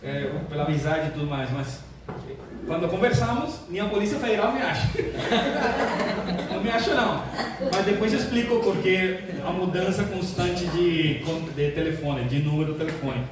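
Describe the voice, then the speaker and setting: An older man, a pastor, opening his sermon with jokes in a chatty, animated way. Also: sits high, moderate pace. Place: church sanctuary. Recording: echoey church hall, distant mic, room noise.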